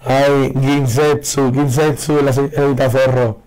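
Losing his voice to hoarseness, this card game content creator narrates a pack opening in a mid-range tone at a measured pace. Every good pull sets him off loudly, and his broken mic crackles along.

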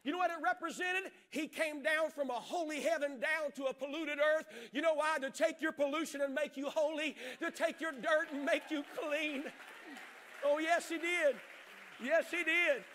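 A middle-aged man preaching an impassioned sermon on a large church stage, swinging from shouts to hushed storytelling. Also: very high-pitched, fairly even intonation, normal speed, some chatter behind, slight background noise. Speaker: pastor.

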